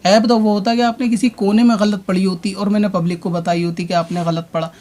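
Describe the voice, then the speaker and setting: A man with a high-set voice that stays level and barely rises or falls. He talks through a long rebuttal as a religious commentator, speaking straight at his opponent. He keeps circling back to the same points. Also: fairly even intonation, darkish tone. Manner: argumentative, addresses his opponent directly; explains at length with repeated points. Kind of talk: spoken rebuttal monologue.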